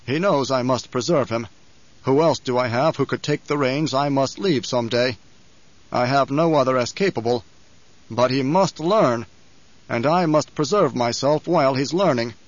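A man voicing an older tyrant baron for an audiobook, coldly controlled and scheming, with a mocking, deliberate, imperious manner. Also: medium pitch, dry recording, lightly acted. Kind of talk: audiobook character voice. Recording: slightly dull, lo-fi audio.

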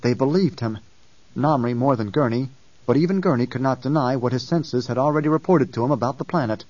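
A man narrating an audiobook in a steady, measured reading. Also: mid-range voice, no room sound. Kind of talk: scripted narration. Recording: dull distant dry recording.

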